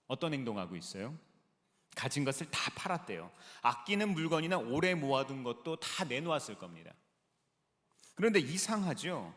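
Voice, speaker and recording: Male pastor, animated preacher who quizzes his flock, slightly high voice, long church reverb. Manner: lively preaching with rhetorical questions to the congregation. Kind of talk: sermon. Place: large church sanctuary. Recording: long reverb of a large sanctuary.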